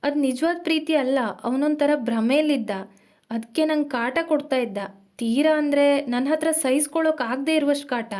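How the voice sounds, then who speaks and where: Audio drama: tense young woman confessing in a hurried, strained rush, high and quick, as the reader puts her on. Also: darkish tone, close to an everyday voice.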